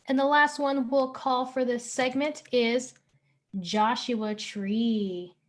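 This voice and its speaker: High-voiced, slow-paced woman hosting bingo. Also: level tone. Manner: encouraging, chatty, draws out announced words. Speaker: event host running bingo. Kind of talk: family-friendly online event hosting, announcing bingo calls.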